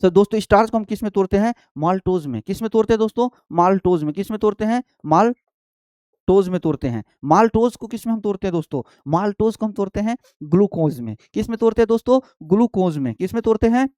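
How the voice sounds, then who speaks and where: A man's voice: high voice, lively intonation, fast, warm tone, no room sound, studio quality. A male teacher giving an exam-prep biology lesson, repeating each point and quizzing the students as he goes. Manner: repetitive, quizzing, addresses students as friends and babu.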